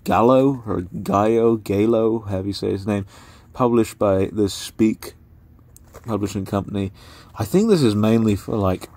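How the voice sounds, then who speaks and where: This young book vlogger's voice is fairly low and mellow. Taking his time, he wanders through a casual spoken review of books he's giving away, using lots of fillers.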